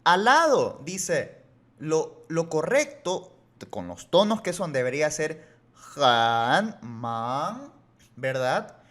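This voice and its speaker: A man teaching a language lesson on video, explaining rules patiently and reassuring his viewers as he repeats examples slowly. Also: a little high. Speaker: Mandarin teacher.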